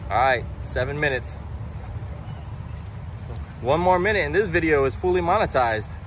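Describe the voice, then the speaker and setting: A man's voice: on the high side, animated, normal speed, slight background noise. A man co-hosting a fishing vlog outdoors by a pond, chatting to viewers while he films a friend fighting a fish. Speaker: fishing vlog co-host filming. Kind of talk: casual outdoor vlog chat. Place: outdoors by a golf course pond.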